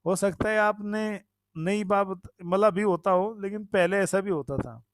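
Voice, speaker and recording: A man's voice: high voice, unhurried, dry recording, studio quality. A man giving a devotional talk, conversational, repeating phrases, asking his listeners questions and thanking them by name. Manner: reads and thanks commenters by name. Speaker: preacher. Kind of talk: devotional discourse.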